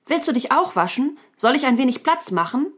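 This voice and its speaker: A woman reading a storybook aloud, voicing a friendly male raccoon who hears badly and keeps asking loudly what was said. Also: animated, a little slow, full character voice. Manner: loud, high, chirpy questioning. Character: cheerful hard-of-hearing male raccoon.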